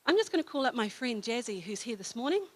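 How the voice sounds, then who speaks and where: A woman with a New Zealand accent giving an informal sermon at church, telling a story in a chatty way with fillers and self-corrections, then reading a psalm slowly. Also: fairly high pitch, very animated. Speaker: church speaker. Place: church hall.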